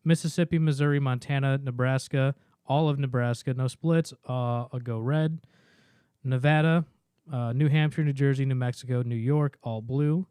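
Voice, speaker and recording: A man co-hosting a podcast, reading off a list of states in a steady run, then talking through his reasoning in casual chat. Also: mid-range voice, normal speed, clear, resonant tone, no room sound. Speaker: podcast co-host.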